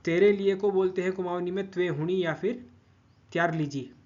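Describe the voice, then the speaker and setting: A man's voice: high voice, steady tone, moderate pace, a little mellow, highs cut off. A man giving a patient grammar lesson, repeating each word form and checking in with listeners often. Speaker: language teacher.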